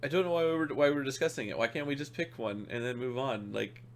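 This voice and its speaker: A man's voice: medium pitch, fast. A man playing a tabletop game, chatting casually with frequent laughter and some exasperation. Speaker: player.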